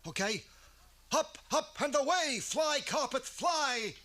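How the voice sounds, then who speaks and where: A man's voice: very high-pitched, lively intonation, slow, bright, forceful tone, full character voice. A man voicing a slick young cartoon carpet peddler who wheedles in hipster slang. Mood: wry, eager.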